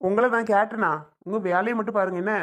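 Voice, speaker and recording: A woman's voice: medium pitch, steady tone, quick pace, natural voice. A woman playing a bossy scolding village husband. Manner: harsh, domineering scolding. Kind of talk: homemade village comedy skit.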